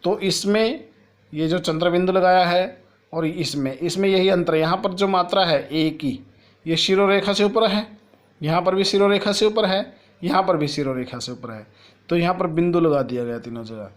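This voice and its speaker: A man's voice: high-pitched, moderate pace. A man teaching a school grammar lesson to children. He asks a question and then answers it himself, and he spells out sounds one at a time. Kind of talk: classroom lesson explaining Hindi grammar to children.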